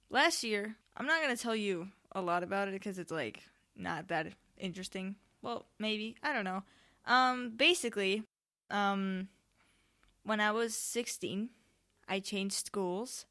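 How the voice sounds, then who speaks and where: Teenage woman, smooth clear voice, average pitch, casual solo podcast host, rambling, self-interrupting, dry recording. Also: fairly bright tone. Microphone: microphone on a tripod.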